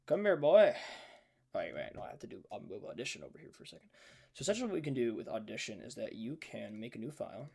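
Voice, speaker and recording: Gravelly male streamer, animated delivery, loose tutorial talk full of fillers. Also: medium pitch. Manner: loose, thinking aloud, many fillers. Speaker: streamer teaching sound design. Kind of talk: casual live-stream tutorial.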